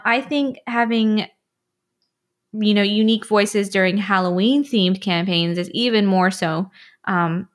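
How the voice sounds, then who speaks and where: A woman co-hosting a podcast about tabletop games, talking casually and filling her sentences with "like" and "you know". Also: medium pitch. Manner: chatty, lots of "like" and "you know". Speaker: podcast co-host.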